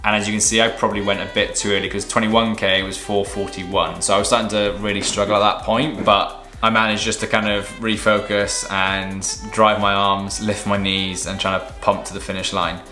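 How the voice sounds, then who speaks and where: A man's voice: fairly low pitch, little pitch movement, normal speed, few pauses, bright, forceful tone. A young man giving a casual, matter-of-fact vlog recap in a conversational way. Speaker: vlogger and amateur runner. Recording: roomy echo, music behind.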